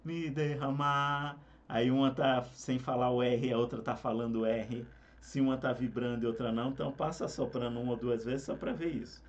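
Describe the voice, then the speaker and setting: A man, a singing teacher explaining harmony parts in a relaxed, conversational way. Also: medium pitch, fairly quick, hardly any pauses, dull audio. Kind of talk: explaining vocal harmony with sung examples.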